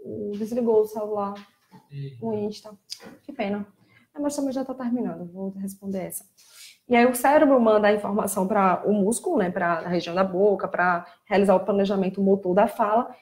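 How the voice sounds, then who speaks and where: A Brazilian woman who works as a child speech therapist talks casually on a live stream, explaining things plainly and getting animated when she mimics children. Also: medium pitch. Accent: Brazilian Portuguese.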